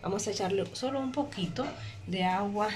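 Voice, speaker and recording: Woman demonstrating over clear background noise. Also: medium pitch, a little fast. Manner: explains step by step, often repeating herself and checking with "right?". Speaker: home cooking vlogger. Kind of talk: casual cooking demonstration. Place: small indoor kitchen at a workplace.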